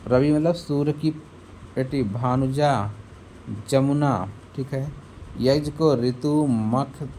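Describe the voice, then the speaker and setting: A little hiss or hum sits under this recording of a man leading a Hindi exam-prep class. His voice is warm and mid-range as he lists synonyms slowly, word by word, and quizzes his students.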